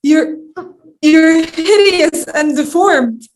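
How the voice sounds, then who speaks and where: A woman's voice: extremely high pitch, extremely slow, full character voice. A young woman playing a poor, trusting fairy-tale girl, with melodramatic delivery, in a school play over video call. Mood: dramatic. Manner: melodramatic, wailing.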